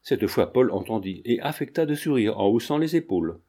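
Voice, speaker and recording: Mellow male audiobook narrator. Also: mid-range voice, expressive, fairly quick. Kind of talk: scripted narration of a classic novel.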